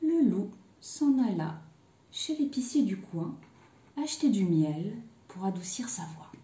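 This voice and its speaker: Brief: childcare educator reading a fairy tale, unhurried, roomy echo. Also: female voice, mid-range voice. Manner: slow, expressive, with hushed phrases. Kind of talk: storytelling for young children. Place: daycare room. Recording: echoey room.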